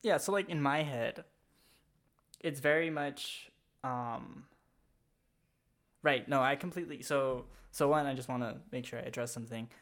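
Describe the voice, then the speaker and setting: A young man talking in a casual chat, rambling and halting with many fillers. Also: mid-range voice, a bit bright.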